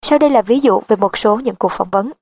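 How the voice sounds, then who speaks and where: Woman narrating an audiobook, measured. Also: medium pitch, a little mellow, slightly rough, dry recording.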